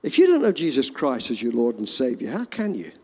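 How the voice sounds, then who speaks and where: A male pastor preaching a sermon, moving from loud urgent emphasis to hushed storytelling. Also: mid-range voice, huge pitch swings, a little fast, breathy edge. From Australia. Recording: long hall reverb.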